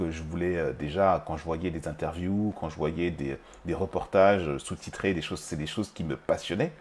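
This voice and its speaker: A man with a French accent and a deep, slightly mellow voice hosts an English-teaching video. He speaks casually to the viewer in a monologue to camera, full of fillers and restarts.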